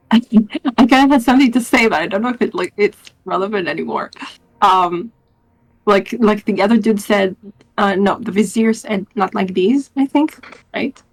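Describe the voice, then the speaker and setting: A woman's voice: medium pitch, moderate pace, no room sound, rough recording. A woman chatting casually as a tabletop game player, informal and hesitant.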